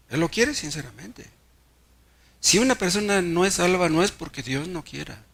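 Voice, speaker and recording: A man's voice: on the high side, creaky, a bit bright. A Mexican pastor preaching a sermon, telling stories and asking the congregation rhetorical questions, often repeating words as he restarts.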